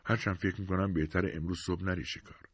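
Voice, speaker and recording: A man's voice: low voice, fairly even intonation, husky, dry recording, highs cut off. A man voicing an anxious, upset young wife with a sick baby, pleading and insistent, in an audiobook reading.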